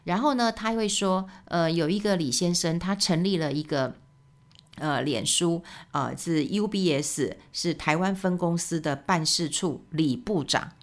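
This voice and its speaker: A woman hosts her own podcast in a casual, rambling monologue. Her voice sits fairly low and has a gravelly, fry-touched texture. She keeps the talk loose and chatty, sprinkling in tag particles and fillers. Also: measured pace. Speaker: podcast host.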